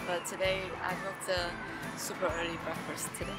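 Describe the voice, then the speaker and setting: A woman's voice: on the low side, little pitch movement, normal speed, loud music behind the voice. A young woman vlogging from a restaurant table, chatting casually as she tastes and describes each dish, with the camera held at arm's length. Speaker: food vlogger. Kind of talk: casual vlog narration. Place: restaurant dining room, indoors.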